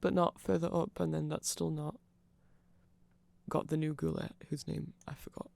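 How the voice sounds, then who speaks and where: A nerdy ASMR creator talks his way through an explainer, backtracking to fix what he said and checking in as he goes. His gravelly, heavily fried voice sits somewhat high for a man, with a darkish tone, a flat delivery, and normal speed. The audio is very dry and intimate, with no echo.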